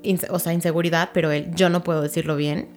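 Over soft background music, a woman with a lowish voice talks fast and delivers her words flatly. As a child language therapist giving an explanatory interview, she patiently offers examples and makes sure her listener keeps up.

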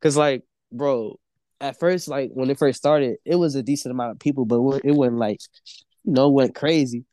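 Mellow, slangy, sweary male music artist. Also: medium pitch, normal speed, no room sound. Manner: heavy slang and constant swearing; says "bro" constantly. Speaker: podcast guest, music artist. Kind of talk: casual chat, storytelling.

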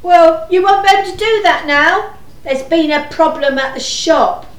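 A woman playing a kindly neighbour who repeats herself loudly and slowly to a deaf friend. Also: very high voice, roomy sound, poor audio. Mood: patient. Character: kindly neighbour woman, patient but exasperated.

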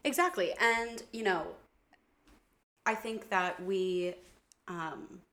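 A woman's voice: mid-range voice, takes it slowly, a bit bright. A young woman co-hosting a podcast in casual chat, bubbly and giggly, rambling with fillers. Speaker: podcast co-host; bookstore worker.

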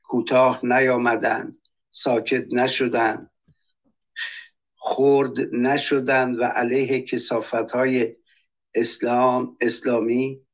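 A man's voice: mid-range voice, flat delivery, pauses often. Impassioned man reading testimonies. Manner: impassioned, reads testimonies aloud; angry, denouncing. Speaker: panelist. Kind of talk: political talk show commentary.

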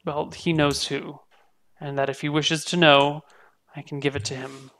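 A man plays a curt woman in a tabletop game, flustered and repetitive. The voice has a creaky edge. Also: fairly high pitch, level tone, moderate pace, sharp tone. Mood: grudging. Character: curt, flustered woman seeking an inn guest.

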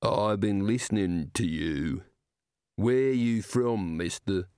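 A man reads a hulking pub brawler with a deep, slow, threatening drawl. His words come heavy and deliberate. The recording is close and dry. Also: a little mellow, smooth, no echo. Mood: menacing. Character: slow menacing giant male drinker.

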